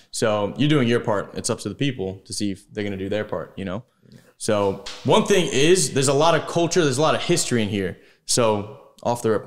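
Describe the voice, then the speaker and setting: A man co-hosting a podcast in casual interview chat, with an informal, conversational way of talking. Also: fairly low pitch. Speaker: podcast co-host.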